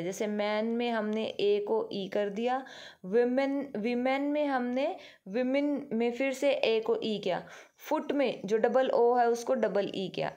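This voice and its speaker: A woman with a slightly mellow, higher voice teaches a grammar lesson, patiently asking the class questions and answering them herself. She affectionately addresses her pupils as "beta".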